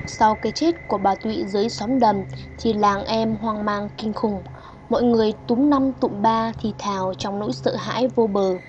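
A woman narrating a folk horror story in a steady storytelling voice, in a dull lo-fi recording. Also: mid-range voice, normal speed. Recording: dull lo-fi audio with faint hiss.

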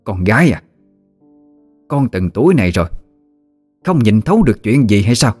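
In this storybook reading, a man voices a fierce old grandmother who lashes out with harsh accusations, scolding at normal speed in a slightly rough voice with big swings in pitch. Soft music runs underneath her tirade.

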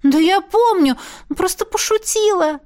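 A woman voicing an impulsive, joking young female magic student who speaks in bright, exclamatory bursts. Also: very high voice, animated, measured pace, pitched above the performer's own voice. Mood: lively.

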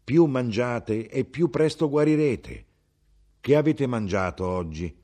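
A man voicing a brisk, middle-aged village mother who gives injections, speaking slowly and emphatically in a raised voice. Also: mid-range voice, expressive, dark tone, voice pushed up. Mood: firm, brisk.

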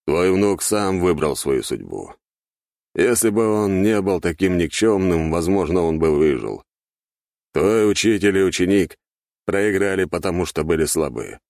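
Male narrator as a dark mage, cold, calm, mocking, gravelly, low. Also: measured pace, no echo, studio quality, exaggerated voice. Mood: contemptuous.

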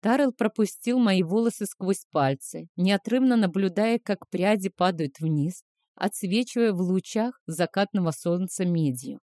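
Woman audiobook narrator, steady first-person reading, dry close sound. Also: medium pitch, measured pace, dry recording.

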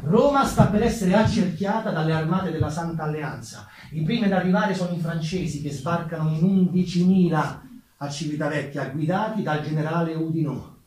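A stage actor and narrator with a somewhat high, slightly mellow voice delivers dramatic, theatrical narration of history. He is declamatory and emphatic, using measured pauses. The recording sounds roomy and distant, like a stage with music, and has slight background noise.

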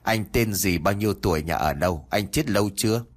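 A man voicing an older male exorcist who scolds and interrogates a ghost in quick, stern questions. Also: lowish voice, expressive.

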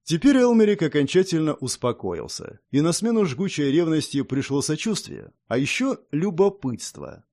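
Expressive male audiobook narrator. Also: fairly high pitch, moderate pace, hardly any pauses. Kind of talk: scripted narration.

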